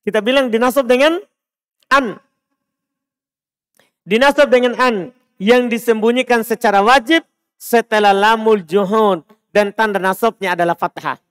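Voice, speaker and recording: Male religious teacher, Makassar Indonesian accent, very high smooth voice, quizzes his class and spells out examples slowly. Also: steady tone. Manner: drills students with repeated questions, slows to spell out Arabic examples. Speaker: Islamic teacher. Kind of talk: Arabic grammar lesson in a mosque. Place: mosque.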